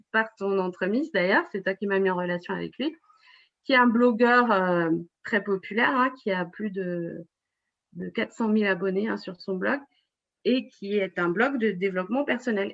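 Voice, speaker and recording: A woman's voice: medium pitch, a bit bright. Hesitant woman in her forties, lo-fi. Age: 40s. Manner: hesitant, many fillers and restarts. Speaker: interview guest, web writer and blogger. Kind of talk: casual interview.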